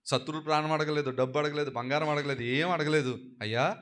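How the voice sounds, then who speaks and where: Telugu pastor preaching with big swings. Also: male voice, fairly even intonation, quick pace. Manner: exhorting, calls for replies from the congregation; swings between soft low asides and loud high-pitched proclamation. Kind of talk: sermon.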